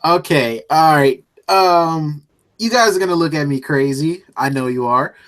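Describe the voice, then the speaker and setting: A man co-hosting a casual podcast chat, telling an animated, jokey story. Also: fairly high pitch, a little slow. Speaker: co-host.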